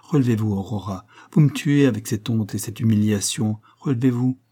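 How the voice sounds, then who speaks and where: A man reading an audiobook, voicing an honorable army captain who speaks gravely and insistently to his fiancée. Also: medium pitch, normal speed, dark tone, natural voice. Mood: anguished.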